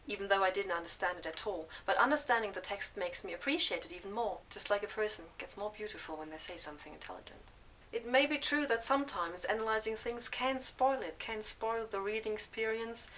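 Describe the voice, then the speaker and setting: A woman calmly walking through a close reading of a poem, in a measured, explanatory way. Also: mid-range voice, slight background noise. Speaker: video blogger explaining a poem. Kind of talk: scripted literary analysis. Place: school building indoors. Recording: echoey room.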